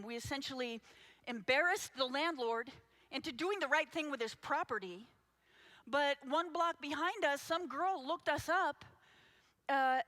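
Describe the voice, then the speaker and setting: A woman's voice: high-pitched, sharp tone. A woman advocate giving an impassioned conference talk, urgent and speaking straight to the audience. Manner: urgent, addresses the audience directly. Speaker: anti-trafficking advocate.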